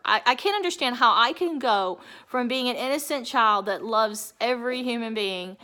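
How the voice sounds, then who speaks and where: A woman in her fifties speaking in a halting, emotional personal monologue, often restarting her sentences. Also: on the high side, pushed and bright. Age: 50s.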